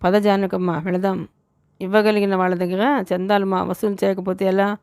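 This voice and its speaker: A bossy, taunting neighbor woman voiced by a woman narrator from a storybook reading. She presses slowly and insistently, in a smooth clear voice. Her pitch stays flat, and the sound is dry and close. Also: no echo, close to an everyday voice. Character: pushy meddling neighbor woman demanding donations.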